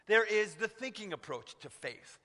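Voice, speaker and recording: An earnest male pastor preaching, his voice sitting high for a man. He often turns to the listeners with rhetorical tag questions. His bright tone rings out into a long, lingering hall reverb. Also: expressive, moderate pace. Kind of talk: sermon.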